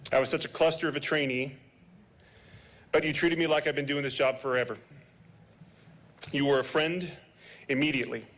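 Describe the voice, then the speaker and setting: Man, eulogy, heartfelt, a bit higher-pitched, sergeant speaking at a memorial. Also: a bit bright. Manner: heartfelt, joking at times.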